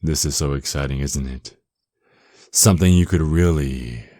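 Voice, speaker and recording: A man playing a dominant, seductive, menacing male vampire lord in an ASMR roleplay, with a very deep voice and a possessive, taunting, mock-tender manner. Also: moderate pace, dark tone, no room sound, studio quality. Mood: amused, taunting. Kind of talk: ASMR roleplay, intimate scripted monologue.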